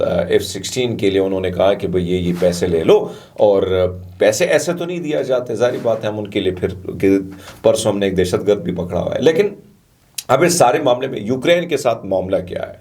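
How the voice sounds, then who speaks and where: A man's voice: mid-range voice, darkish tone. A man from Pakistan giving conversational news commentary, chatty and digressive, full of asides and fillers.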